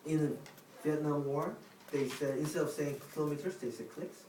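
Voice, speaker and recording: A man casually explaining words to the camera, speaking haltingly with restarts and non-native phrasing. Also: fairly high pitch, fairly even intonation, mellow. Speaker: vlog host explaining words. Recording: echoey room from a distance, faint noise.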